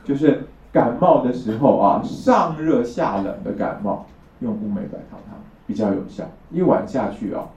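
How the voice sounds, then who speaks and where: A mid-range, warm male voice with lively intonation carries a traditional Chinese medicine class at a moderate pace. The teacher explains step by step and often asks for agreement, and the lecture is recorded distantly with a roomy, lo-fi sound.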